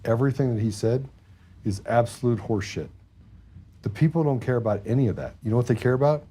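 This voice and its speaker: A man's voice: mid-range voice, quick pace, dark tone, breathy edge. A man hosting a political talk show, blunt and heated, often repeating words as he gets going.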